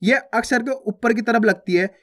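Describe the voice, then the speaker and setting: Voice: mid-range voice, normal speed, fairly bright tone. Patient teacher drilling Hindi word sounds. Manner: drills words aloud, repeating each twice with a question; addresses viewers as friends, checks understanding. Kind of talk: online phonics lesson.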